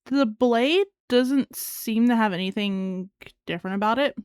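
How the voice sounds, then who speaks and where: A woman's voice: on the high side, measured pace, a little mellow, smooth, dry recording. A woman narrating as game master in a tabletop game, casual and a bit hesitant.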